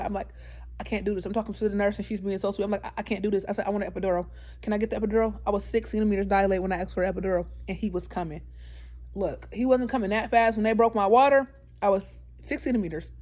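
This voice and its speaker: Young woman vlogger, chatty and candid, calls her viewers y'all. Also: mid-range voice. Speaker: YouTuber. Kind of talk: casual storytime vlog.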